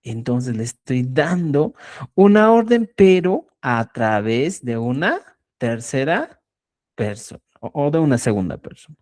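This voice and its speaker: A Quechua teacher runs an online language lesson at an unhurried, deliberate pace, explaining points with simple everyday examples. The darkish, sing-song voice rises and falls expressively, and the teacher keeps checking whether students are following with "¿ya?".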